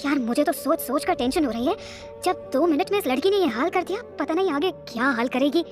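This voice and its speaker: A woman's voice: sits high, expressive, brisk, music in the background. A woman voicing an irritated young male boss, incredulous and exasperated.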